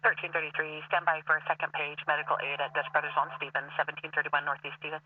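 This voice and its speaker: A man dispatching calls over police radio, his voice thin and phone-like as if picked up from across the room. He rattles off numbers and addresses quickly in short, clipped bursts. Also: on the high side, completely flat delivery, far from the mic, a little hiss or hum. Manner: clipped, rapid call-sign delivery. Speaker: emergency dispatcher. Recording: tinny radio scanner audio from afar.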